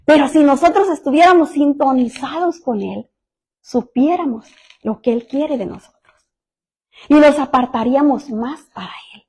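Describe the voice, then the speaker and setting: High-voiced woman pastor telling stories. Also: moderate pace. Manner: warm storytelling, addresses listeners directly with asides like "mire" and "¿verdad?". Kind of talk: sermon with personal stories.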